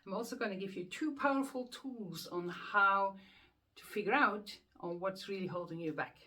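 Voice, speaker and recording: A Swiss-accented hypnotherapist explains the subconscious mind to camera in a mid-range, sharp-toned voice at normal speed. Her self-help explainer is earnest, with rhetorical questions and words repeated as she thinks.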